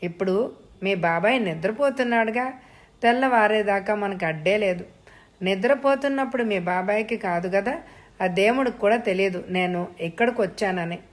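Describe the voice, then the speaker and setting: Woman doing a scheming young woman, coaxing, soft-spoken, indignant, storybook drama. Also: medium pitch, normal speed, close to an everyday voice.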